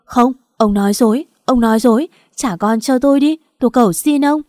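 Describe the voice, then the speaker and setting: Woman reading desperate young mother, raised and pleading, warm dry read. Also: fairly high pitch, moderate pace, no echo, close to an everyday voice.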